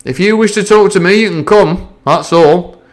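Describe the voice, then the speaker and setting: A man's voice: high-pitched, normal speed, voice pushed up, lightly acted. A man voicing a stern, cold middle-aged ship's captain who gives clipped orders. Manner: clipped and commanding.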